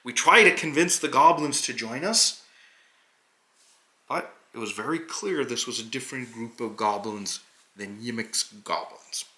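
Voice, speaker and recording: A man voicing a noble, earnest hobgoblin adventurer who recounts a tabletop quest with deliberate, halting phrasing and dramatic pauses. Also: medium pitch, bright, forceful tone. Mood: earnest recounting. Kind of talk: in-character narration of a tabletop adventure.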